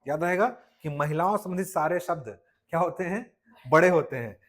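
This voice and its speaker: Male teacher, slightly high voice, Chhattisgarhi Hindi accent, classroom lecture that keeps quizzing the students. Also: normal speed, a bit bright. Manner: repetitive, keeps asking the class questions.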